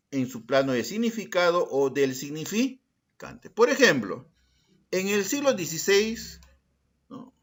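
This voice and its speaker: A middle-aged man teaches a secondary school class in a lively, up-and-down voice that sits a little high for a man. He speaks slowly and deliberately, calls on students by name, and answers his own rhetorical questions.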